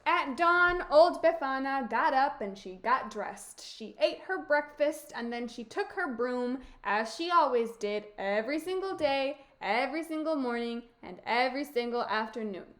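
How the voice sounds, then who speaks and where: Woman teacher, storybook reading, expressive, emphatic, high voice, slow. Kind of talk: storybook read-aloud.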